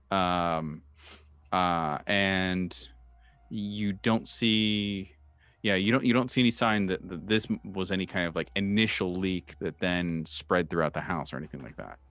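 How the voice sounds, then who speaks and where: A man with a low, slightly bright voice guides a tabletop horror session, narrating scenes in faltering, unsure phrases. The audio is dry, somewhat dull and lo-fi, with no echo.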